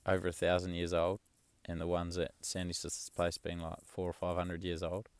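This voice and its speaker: A young man talks in a very low, gravelly voice, loose and rambling, with casual swearing. The sound is close and dry, with no room around it. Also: completely flat delivery, moderate pace, no echo. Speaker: travel vlogger. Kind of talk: casual chat.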